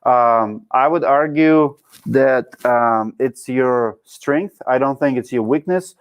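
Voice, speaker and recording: This show host, a man in his thirties with a Russian accent, reads through live chat on a laid-back stream and gives viewers blunt, no-nonsense coaching, leaving out articles as he goes. He speaks slowly, with a medium pitch and clean tone.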